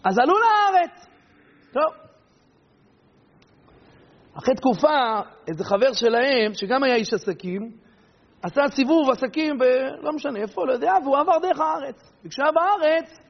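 A man delivers a sermon, and his voice sits unusually high and leaps up and down as he tells stories and plays their characters. The sound is muffled and washed in long hall reverb. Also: gravelly, long pauses. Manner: animated, acts out the people in his stories. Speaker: preacher. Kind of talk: sermon with storytelling.

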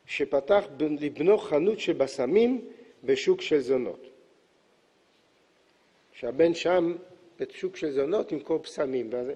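A man's voice: on the high side, warm tone. A male religious teacher explaining scripture and midrash, quoting verses and unpacking them. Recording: echoey hall, dull lo-fi sound.

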